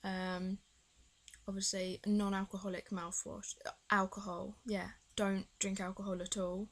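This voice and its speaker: A woman's voice: medium pitch, flat delivery, unhurried. A young British woman chatting casually in a video diary, rambling and hesitant, her speech slightly impeded by a swollen tongue. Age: young adult. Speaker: vlogger.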